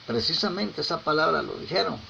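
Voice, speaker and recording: A man preaching in a gravelly, fairly high voice, telling folksy anecdotes and dropping tag questions as he goes. He often repeats and restarts his words. The recording is a little dull and lo-fi, with faint ambience behind him. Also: lively intonation, brisk, pushed and bright, a little hiss or hum. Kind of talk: conversational sermon.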